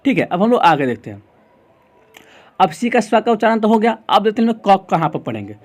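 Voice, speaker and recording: Indian man teaching in a high voice. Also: very animated, fast. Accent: Indian English. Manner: asks the class questions and answers them himself, repeats rules. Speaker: English pronunciation teacher. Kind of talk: explaining lesson in Hindi.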